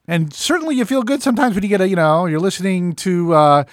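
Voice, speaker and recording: A man hosting a podcast, telling a rambling, animated story, swearing freely and acting out his own thoughts along the way. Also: sits high, fast, dry recording, clean studio sound. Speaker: podcast host. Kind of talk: casual storytelling monologue.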